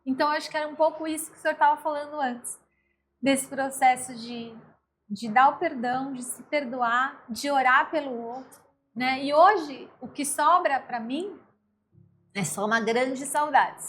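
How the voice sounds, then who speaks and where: High-voiced Brazilian woman sharing softly. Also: slight background noise. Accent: Brazilian Portuguese. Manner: reflective, tender, halting with soft pauses. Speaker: interview guest. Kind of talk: personal testimony in conversation.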